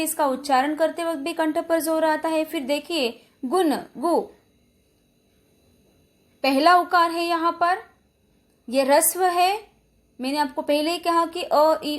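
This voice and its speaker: A woman teacher from India giving a recorded Hindi lesson, patiently explaining verse meter and stretching out syllables as she demonstrates. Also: high voice. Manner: checks in with frequent "है ना?". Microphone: phone or app voice recorder.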